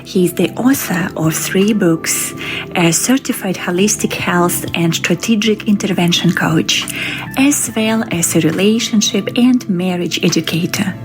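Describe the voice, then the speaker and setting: A woman hosting a podcast, opening with a slow, soft scripted intro and then interviewing a guest. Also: fairly low pitch, music in the background. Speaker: podcast host.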